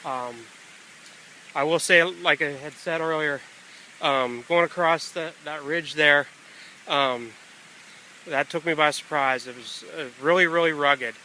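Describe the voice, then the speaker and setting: A man narrating a hiking vlog in a casual, unscripted way, often pausing mid-thought, recorded outdoors on a handheld camera. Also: a little high, bright, forceful tone, rough recording. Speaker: hiker filming a trail vlog. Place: outdoors on a wooded rocky trail near a stream. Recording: outdoor camera audio with ambient noise.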